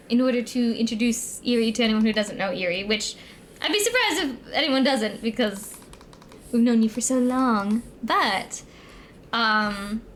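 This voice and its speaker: A young woman with a high voice streams in a cute, bubbly anime-streamer manner. She chats casually with her co-host and viewers, over some background noise. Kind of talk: casual livestream chat.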